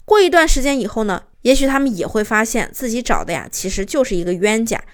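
A woman's voice: a little high, lively intonation, fast. A young woman, a host's assistant, narrating relationship advice and telling a client's story, acting out quoted arguments with rising emphasis.

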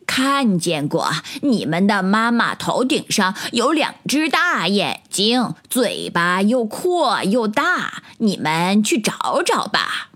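A woman voicing a kindly mother duck in a storybook, explaining slowly and carefully. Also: medium pitch, sing-song, a bit bright, full character voice.

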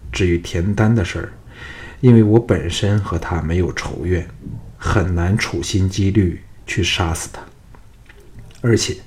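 A shrewd young hero talks in a calm, sincere way with a teasing edge, as the narrator plays him. His voice is deep and unhurried, and he reasons patiently. He is a leading man from a spoken storybook.

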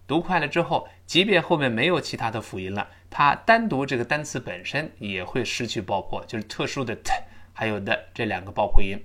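A man teaching an English lesson, drilling pronunciation with slow, emphatic repetitions. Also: medium pitch, fairly bright tone.

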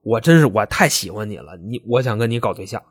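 Brief: man playing a creepy young man, wheedling and low-voiced, dry sound. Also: lively intonation, fast, slightly rough, no room sound. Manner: wheedling, then low and threatening. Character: creepy young man, pleading then menacing.

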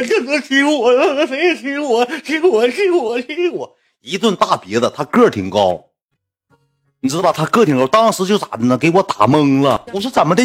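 A young man with a Northeastern Chinese accent, casually telling a story about his school days, getting animated and climbing high in pitch when worked up. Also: slightly rough.

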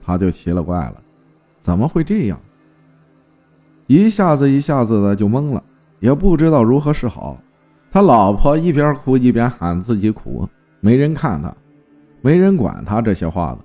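A man narrating a folk ghost story in a lively, vivid storytelling manner. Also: mid-range voice, moderate pace, long pauses, faint music behind.

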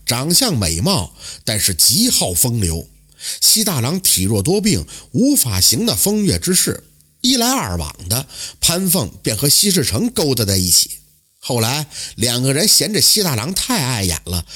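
A man narrating a traditional folk tale in a lively, dramatic storytelling manner. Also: mid-range voice, husky.

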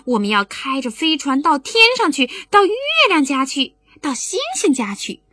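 A woman doing a boastful little boy, squealing high. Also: big pitch swings, moderate pace, sharp tone, no echo, full character voice. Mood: excited. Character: boastful little boy Songsong, eager and lively.

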